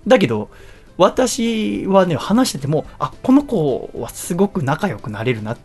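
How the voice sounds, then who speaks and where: A man's voice: high voice, moderate pace, breathy edge, soft background music. A man hosting a radio show, casually telling a long personal story, laughing often and acting out what others said. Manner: animated, laughs often while telling, acts out quoted lines.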